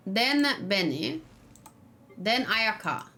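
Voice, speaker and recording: A woman streams a game in a very animated, bright, forceful voice of medium pitch, speaking extremely slowly. She hosts casually, thinking aloud and often muttering to herself. The noisy recording picks up keyboard typing, mouse clicks, and other background noise.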